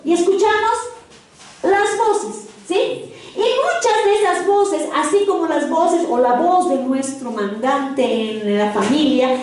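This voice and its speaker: A woman's voice: sits high, takes it slowly, darkish tone. A woman preaching to a congregation in an interactive sermon, often stopping to check in with her listeners through short questions. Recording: very echoey hall, mic far off.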